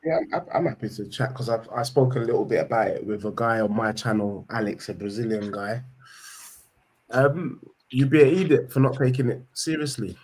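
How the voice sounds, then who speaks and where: A man's voice: medium pitch, moderate pace, a little mellow, slight background noise, rough recording. A man with an urban London accent giving casual, opinionated football chat full of slang. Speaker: football podcast panellist.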